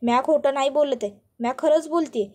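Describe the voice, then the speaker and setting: A woman's voice: sits high, fairly quick, darkish tone, close to an everyday voice. A woman voicing a middle-aged village mother who protests and wails theatrically, pleading in rural dialect.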